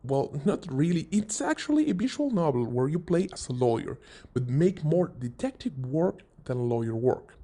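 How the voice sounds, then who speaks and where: A warm, sing-song voice with a fairly high pitch and normal speed carries this scripted video game top-five list. The male host explains things informally, raising his own questions and answering them, with music playing underneath.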